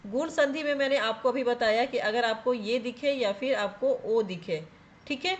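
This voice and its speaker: High-voiced woman teaching exam grammar. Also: moderate pace. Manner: explains step by step, often asks and answers her own questions; repeats "theek hai" to check in with viewers. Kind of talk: exam-prep grammar lesson.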